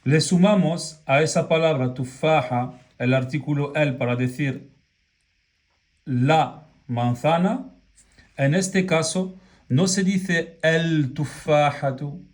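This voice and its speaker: A man teaching a lesson, explaining patiently and checking in often with the listener. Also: fairly high pitch. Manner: patient, drawn-out examples with frequent "¿ok?" check-ins. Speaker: Arabic teacher. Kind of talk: slow classroom explanation.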